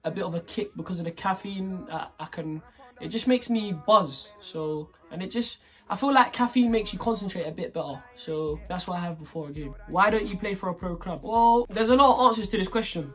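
A young man in his twenties talks through a casual question-and-answer vlog from his bedroom, his voice sitting high for a man. He is laid back, trails off mid-thought and leans on "obviously" again and again. Soft music plays faintly underneath. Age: 20s. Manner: relaxed, trailing off, repeats "obviously". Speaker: footballer answering fan questions. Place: bedroom, indoors. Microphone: camera at desk distance.

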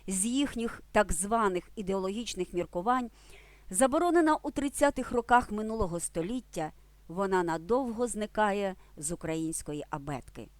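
A woman in a mid-range voice narrates an educational language lesson from a script. She speaks clearly and deliberately and gives key words lively emphasis. The recording is dry and close, with no room sound. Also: mid-range voice, dry recording. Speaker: language teacher.

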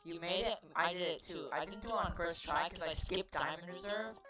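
A woman's voice: fairly low pitch, a little fast, over music. A woman chatting casually while playing a video game, joking and trailing off mid-sentence. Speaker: gaming video host. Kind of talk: casual gameplay commentary. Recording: noisy home computer recording.

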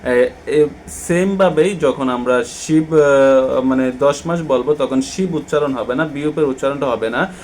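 A man with a Bangladeshi Bengali accent explaining textbook vocabulary as a language teacher, pausing often with drawn-out fillers. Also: medium pitch, a little mellow, a little hiss or hum. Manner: hesitant, many drawn-out "ah" fillers between words.

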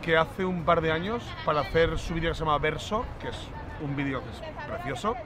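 A man's voice: on the high side, a little fast, crowd noise. Middle-aged man telling stories in a plaza. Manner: relaxed storyteller, slangy. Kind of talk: casual street chat. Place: outdoor city plaza. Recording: outdoor street noise.

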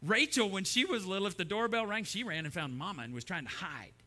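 A man's voice: sits high, expressive, fast talker, bright, forceful tone. A middle-aged man preaching a sermon, telling stories and acting out the voices in them. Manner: storytelling, acts out voices in his anecdotes. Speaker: pastor. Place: church sanctuary.

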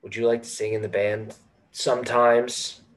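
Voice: mid-range voice, level tone, normal speed, lightly acted, poor audio. A performer reading the part of a young male band singer who jokes and teases, at a script read-through. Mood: sheepish. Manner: teasing, wisecracking.

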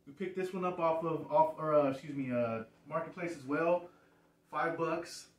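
A man's voice: on the high side, normal speed. A man in his thirties casually showing off thrift finds, rambling and restarting his phrases, in a living room filmed by a distant camera. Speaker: thrift reseller showing a haul. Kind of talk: casual show-and-tell. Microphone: far camera. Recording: echoey room, far from mic.

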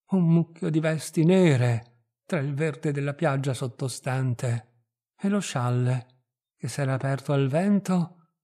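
A man reading a literary short story aloud in a measured, expressive narrating manner. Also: on the high side. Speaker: reader.

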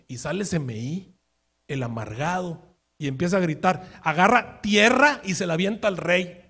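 In a high-pitched voice, a man preaches as pastor, telling a story with acted-out quotes and rhetorical questions. He moves between quiet asides and loud outbursts.

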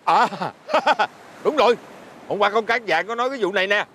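A man's voice: sits high, normal speed, pushed and bright, a little hiss or hum. A man with a Southern Vietnamese accent playing a poor, easygoing old fisherman who chuckles and hesitates as he talks. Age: older. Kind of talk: fairy-tale drama acting.

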